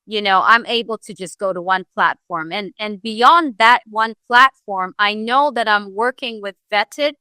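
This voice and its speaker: A woman from Ghana, a real estate broker, telling her story as a guest in an earnest, animated way, with many fillers. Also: mid-range voice, unhurried, few pauses, smooth, no echo. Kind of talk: casual interview storytelling.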